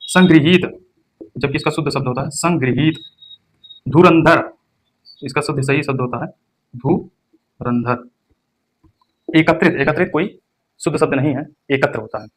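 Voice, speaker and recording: A young man teaching an exam-prep Hindi lesson. He stresses each word and then repeats it slowly. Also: on the high side.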